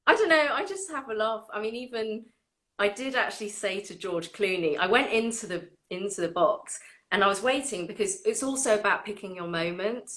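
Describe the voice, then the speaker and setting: A woman hosting a casual chat, animated and laughing often as she tells stories. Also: medium pitch, a little fast. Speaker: orchestra violinist and host.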